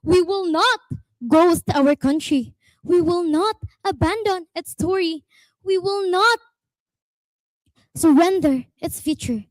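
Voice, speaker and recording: A woman with a Filipino accent delivering a declamatory contest speech, slow and emphatic with dramatic pauses and swells. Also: extremely high pitch, no echo, low-quality recording.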